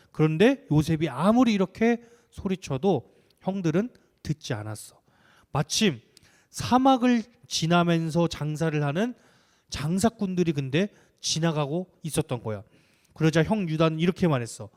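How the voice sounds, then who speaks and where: A young man preaching to children, telling a story in an animated way and asking them questions as he goes. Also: a little high.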